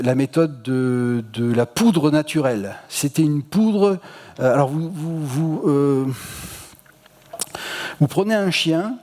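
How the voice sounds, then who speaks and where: A man with a Marseille accent giving a relaxed festival lecture, his voice sitting a little high for a man. He talks in a slangy, chatty way and often hesitates between phrases. The sound carries a long reverb from a lecture hall. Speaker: public lecturer. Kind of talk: casual popular-science talk.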